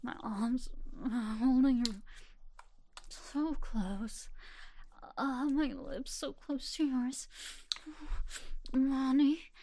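A woman speaks in a soft, doting murmur that often falls to a whisper. Her voice sits a little high yet sounds warm and mellow. She takes her time over every phrase. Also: fairly even intonation, drawn-out words, long pauses. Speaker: audio roleplay performer. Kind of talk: intimate whispered audio roleplay.

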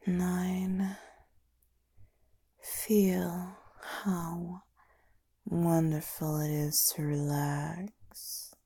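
A woman doing a whispered ASMR hypnosis, speaking in a slow, soft, unvoiced whisper as she counts down. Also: fairly low pitch, level tone, husky. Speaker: ASMR performer.

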